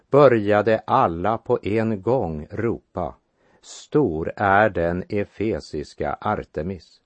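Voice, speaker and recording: A man giving a measured sermon that explains Bible passages and reads verses aloud. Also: on the low side, darkish tone, no echo, dull audio. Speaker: preacher. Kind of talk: radio sermon, Bible exposition.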